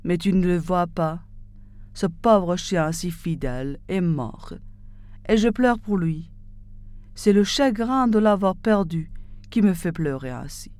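A woman's voice: on the low side, lively intonation, takes it slowly, darkish tone, dry recording. Woman playing a weeping, stingy dog owner. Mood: grieving. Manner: plaintive, tearful delivery. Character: weeping, stingy man grieving his dog.

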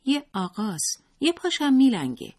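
The audiobook narrator voicing a spoiled little boy who whines and cries, in a high put-on voice. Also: wildly swooping pitch, darkish tone, heavily acted. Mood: tattling. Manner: high whining, crying. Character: spoiled whiny little boy, tantrum-prone.

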